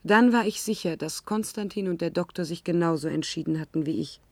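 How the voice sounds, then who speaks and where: Bleak and resigned, the actress narrates the isolated young woman's ordeal in the German science-fiction radio drama, deliberately and dramatically. She speaks in a lowish register with vocal fry, and there's no echo.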